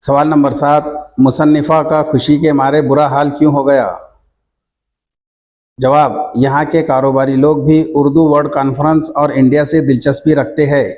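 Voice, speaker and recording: Man dictating lesson answers slowly. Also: a little high, flat delivery, darkish tone. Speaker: teacher. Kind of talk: reading out textbook questions and answers.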